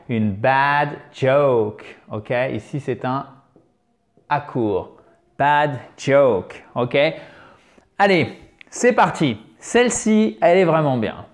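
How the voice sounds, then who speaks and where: A man speaking French, giving a lively pronunciation lesson to camera and chatting as he teaches English. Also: on the high side.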